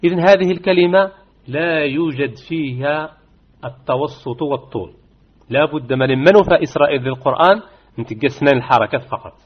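A man teaches recitation over a video call, repeating example words slowly. His voice sits a bit high and sounds husky. The audio is dull and lo-fi. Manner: repeats key words and stretches them slowly to demonstrate. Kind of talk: online tajweed lesson.

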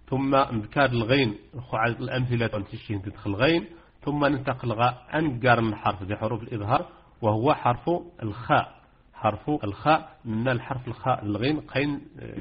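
A man's voice: medium pitch, breathy edge, highs cut off. A man with a Moroccan accent teaching Quran recitation rules to students, hesitant with many fillers and repetitions. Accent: Moroccan Arabic. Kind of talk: informal rules lesson with students.

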